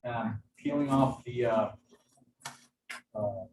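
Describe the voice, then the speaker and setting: A man, a chef, giving a casual cooking demonstration in a kitchen over a video call. He talks in a hesitant, halting way, with lots of fillers and restarts. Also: medium pitch. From United States. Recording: echoey room, far from mic, background noise.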